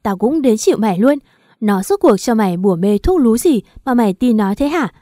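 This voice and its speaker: A brash, foul-mouthed older friend scolds loudly and impatiently in this audio story, as a woman narrator puts her on. The voice keeps a warm, mellow colour under the swearing. The recording is dry and close. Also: fairly high pitch, fairly quick, no room sound, natural voice. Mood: scolding.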